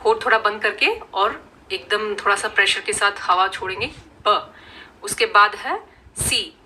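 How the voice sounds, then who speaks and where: Woman, Indian accent, patient phonics teacher, bright clear tone. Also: mid-range voice, a little hiss or hum. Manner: slow, patient, demonstrating each sound. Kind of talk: phonics lesson.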